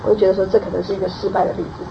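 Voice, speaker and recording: A woman with a gravelly, creaky edge to her voice, talking quickly as she reflects on her parenting with some self-criticism. The recording is dull and lo-fi, with faint ambient noise behind her. She sounds hesitant, as if thinking aloud. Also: medium pitch, level tone. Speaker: mother sharing experience. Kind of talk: group sharing, asking advice.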